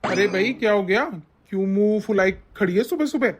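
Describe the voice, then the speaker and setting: A woman voicing a busy adult son and husband in an animated story, speaking in a defensive, brushing-off way. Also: mid-range voice, brisk, close to an everyday voice. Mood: casual. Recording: slightly dull lo-fi audio.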